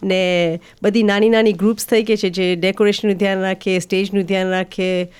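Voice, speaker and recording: A woman's voice: medium pitch, flat delivery, a little fast, darkish tone, clear, resonant tone. A woman guest on a studio radio interview, explaining a community event at length and switching between Gujarati and English.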